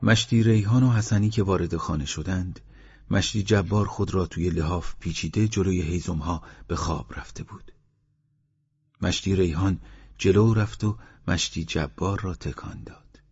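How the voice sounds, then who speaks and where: Husky low-voiced man reading a story. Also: a little mellow. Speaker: audiobook narrator. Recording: dull lo-fi recording.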